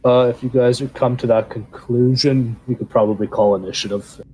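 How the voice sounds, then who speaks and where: A man's voice: mid-range voice, steady tone, a little fast, warm tone, a little hiss or hum, rough recording. A man running a tabletop game as game master, narrating with hesitant fillers.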